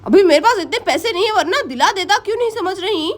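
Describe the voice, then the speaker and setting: A woman's voice: very high voice, animated, quick pace. A woman voicing a harried young husband in a doll story who protests and pleads. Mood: exasperated. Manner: exasperated, protesting.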